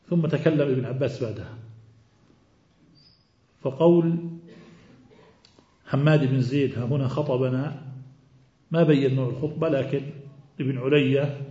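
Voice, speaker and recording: A man giving a classroom hadith lecture, explaining slowly and quizzing his students with questions. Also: mid-range voice, warm tone. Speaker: teacher of hadith. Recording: roomy, dull recording.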